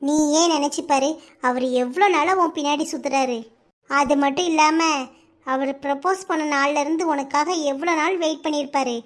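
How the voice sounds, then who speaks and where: A woman's voice: sits high, normal speed, lightly acted. A woman with a Kanyakumari Tamil accent voicing a young woman's insistent, teasing best friend in a cartoon. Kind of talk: cartoon voice acting.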